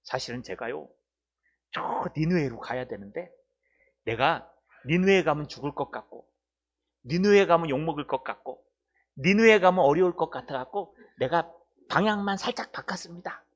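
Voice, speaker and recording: A sheepish grown man confesses and explains why he fled, as a preacher puts him on. The voice stays close to the speaker's own and slightly high. He talks in a plain, confiding way. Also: expressive, normal speed, long pauses, muffled recording. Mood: sheepish confession.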